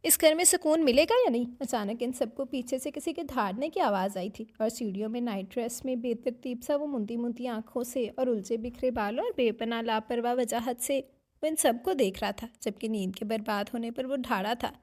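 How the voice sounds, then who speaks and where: A woman narrating a dramatic romance novel in a steady storytelling voice. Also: a little high, normal speed.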